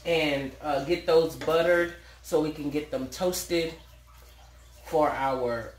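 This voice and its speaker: Taking her time with a deep voice, a middle-aged American woman casually shows off home cooking as the host, folksy and playful in manner. She's in a home kitchen indoors, on a roomy home recording that is clearly noisy and has clicks.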